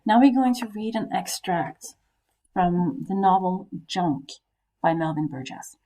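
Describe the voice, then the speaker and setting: A woman's voice: lowish voice, lively intonation, unhurried, warm tone. A woman teacher talking through a recorded lesson, explaining step by step with frequent fillers and questions to her students.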